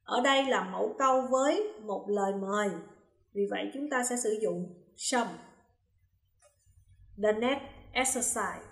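A woman English teacher giving a recorded lesson. She reads example sentences slowly and carefully, then explains each answer step by step. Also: mid-range voice, creaky. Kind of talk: recorded classroom lesson, explaining grammar exercises. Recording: roomy, echoey room.

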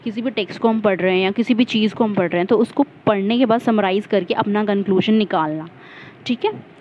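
A woman's voice: mid-range voice, fairly quick, lo-fi sound. A woman teacher walking through exam questions, explaining each term step by step and stopping to correct her own slips. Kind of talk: exam-prep lesson.

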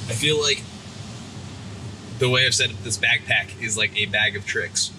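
A man's voice: medium pitch, normal speed. A young man casually talking to himself as he fishes from a rocky ocean shore, recorded on an action camera. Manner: relaxed, talks to himself while fishing. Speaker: fishing vlogger. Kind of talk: casual outdoor narration. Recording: wind-buffeted action camera by crashing surf. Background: surf and wind.

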